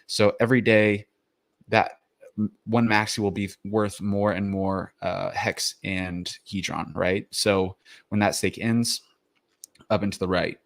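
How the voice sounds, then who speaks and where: A man's voice: on the low side, steady tone, a little slow, gravelly. A man hosting a crypto explainer, talking casually with many fillers and restarts, a little out of breath after the gym. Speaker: crypto video host.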